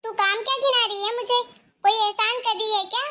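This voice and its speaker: A woman voicing a harsh, nagging middle-aged stepmother in a cartoon, scolding in a sharp, shrill voice. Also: fairly even intonation, a little fast.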